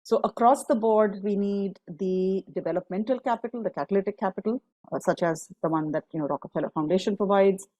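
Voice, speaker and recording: A woman's voice: medium pitch, fairly quick, mellow, no room sound, poor audio. A woman, a guest on a panel discussion, speaking fluently and laying out her points in long lists. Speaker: guest panelist, climate fund partner.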